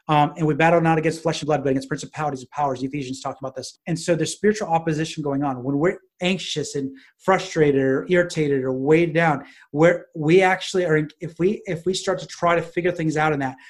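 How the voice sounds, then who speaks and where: Animated man with a higher voice. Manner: animated, casual, many fillers and restarts. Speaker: business consultant guest. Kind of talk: conversational storytelling interview.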